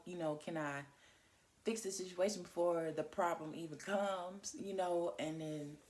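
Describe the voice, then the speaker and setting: Candid, chatty young woman vlogger. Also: fairly low pitch. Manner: candid, chatty, swears freely, talks straight to viewers. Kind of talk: casual chat to camera.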